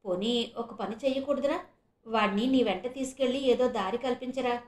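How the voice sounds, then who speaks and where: A woman's voice: fairly high pitch, normal speed, a little mellow, echoey room, lightly acted. A woman voicing a weary, sorrowful mother. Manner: sorrowful, lamenting. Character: middle-aged mother, weary and full of sorrow.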